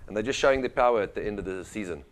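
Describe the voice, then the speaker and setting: A man's voice: lowish voice, rapid-fire. A man giving casual rugby analysis as a studio pundit.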